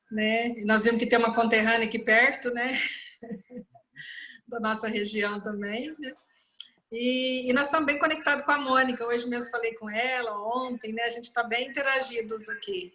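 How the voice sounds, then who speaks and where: Brief: woman, higher and bright voice, friendly chatter, faint noise behind. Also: rough recording. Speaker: clinic partner, workshop participant. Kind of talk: casual chat on a video call. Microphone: video call.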